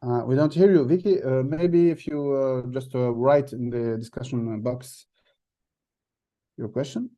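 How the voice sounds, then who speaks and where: A man giving an online masterclass over a video call, talking haltingly with many fillers and restarts and loose phrasing. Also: medium pitch, dark tone. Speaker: masterclass instructor. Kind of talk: online workshop talk.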